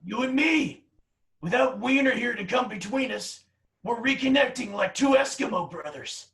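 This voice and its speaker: Guy doing a crude snarky roommate, high bright voice, kinda off-mic. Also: animated, normal speed, far from the mic, heavily acted. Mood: mocking. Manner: crude, mocking. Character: crude trapped male roommate, insulting and smug.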